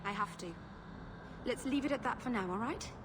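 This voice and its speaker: A woman's voice: fairly high pitch, brisk, background noise, close to an everyday voice. An actress playing a shy, earnest young elf woman, a mage who speaks hesitantly and apologetically in video game dialogue. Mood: guarded, hesitant.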